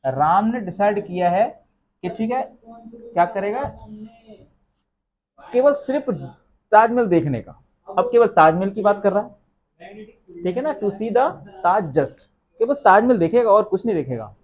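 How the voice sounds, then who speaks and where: High-voiced Indian man teaching grammar. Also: animated, unhurried, long pauses, highs cut off. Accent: Indian English. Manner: explains step by step, asks the class questions. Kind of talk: classroom lecture.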